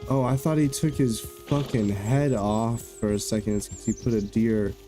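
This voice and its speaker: Young guy from arizona doing let's play commentary, lowish voice, joking and swearing, loud game music under him. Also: fairly even intonation, moderate pace. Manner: casual, jokey, swears freely. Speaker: gamer streaming a playthrough. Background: game music and horse hooves.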